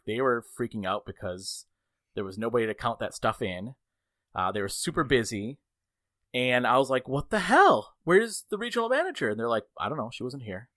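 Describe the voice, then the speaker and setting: A man casually telling a work anecdote on a podcast, laughing often and jumping his voice up high to mimic the people in his story. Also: dry recording. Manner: animated storyteller, jumps high to mimic others; laughs often while talking. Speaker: podcast co-host reading gaming news.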